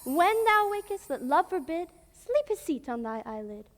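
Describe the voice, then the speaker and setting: A woman's voice: very high-pitched, sing-song. A woman playing the mischievous fairy sprite Puck in a school stage play, gasping and taking her time over each line. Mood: sly. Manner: breathy gasps, slow storytelling delivery. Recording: stage mic with hall reverb.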